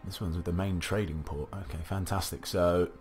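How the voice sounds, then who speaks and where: Musing to himself over a strategy game, a young let's play commentator chats loosely at a normal speed and steady tone, his low voice slightly gravelly as he recovers from a cough. Soft game music sits faintly beneath his desk-mic audio.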